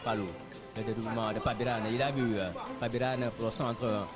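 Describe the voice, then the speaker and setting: A man's voice: mid-range voice, flat delivery, a little fast. A man giving live football commentary as match commentator, with hesitant phrasing full of fillers. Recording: outdoor stadium with faint music and crowd.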